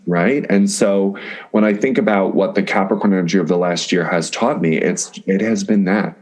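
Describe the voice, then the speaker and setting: A man's voice: low-pitched, moderate pace, a little mellow. A man, an astrologer guest, talking in a casual podcast conversation, effusive and flowing, often stringing words into lists.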